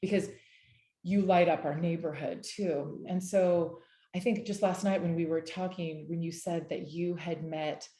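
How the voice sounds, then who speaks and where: A woman's voice: lowish voice, fairly even intonation, measured pace, mellow, reverberant. A woman in her forties leading a discussion over a video call, earnest and rambling, with frequent restarts. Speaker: discussion leader. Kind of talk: casual video-call chat.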